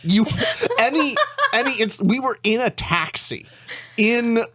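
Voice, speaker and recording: A man's voice: extremely high pitch, unhurried, pushed and bright. A young man as a guest in a casual chat, telling stories in a wry, teasing way. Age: young adult.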